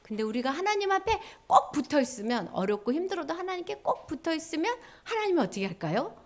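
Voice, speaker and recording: A woman preacher giving a children's sermon, animated storytelling in simple words, asking the listeners questions. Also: sits high, quick pace.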